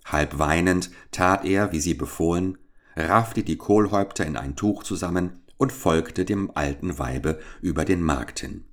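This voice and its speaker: A man narrating a fairy-tale audiobook in a calm, even storytelling manner. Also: sits low, measured pace.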